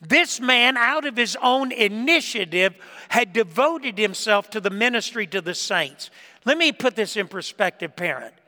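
A man preaching a sermon in a church, telling stories with emphasis and dropping between loud lines and hushed ones. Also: high voice, expressive, moderate pace. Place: church sanctuary. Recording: reverberant church hall.

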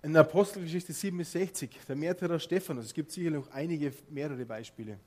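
A man's voice: a little high, fast. A man with a Bavarian accent preaching a sermon, asking his listeners direct questions and walking them through a live demonstration. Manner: lively, addresses listeners directly with rhetorical questions.

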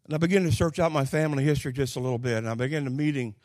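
An older male preacher speaks in an Oklahoma accent at a mid-range pitch. His delivery is folksy and plainspoken, pausing and repeating himself as he tells stories, then pressing hard on key lines. The sound is dry, with very little room on it. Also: a little mellow, no echo. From Oklahoma, United States. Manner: folksy, plainspoken, halting with pauses and repetitions. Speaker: Pentecostal preacher. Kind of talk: sermon with personal storytelling.

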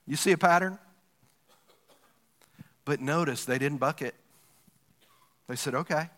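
A male pastor gives a lively, joking sermon, calling out to his congregation. His voice is bright and forceful, a touch higher than most men's. The church hall carries a long, ringing reverb. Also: unhurried.

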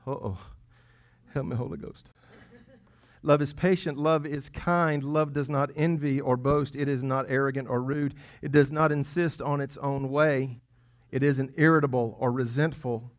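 A man preaching a sermon as pastor, conversational and playful, with quiet asides between loud, emphatic lines. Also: medium pitch, fairly even intonation, normal speed, hardly any pauses. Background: congregation chuckling.

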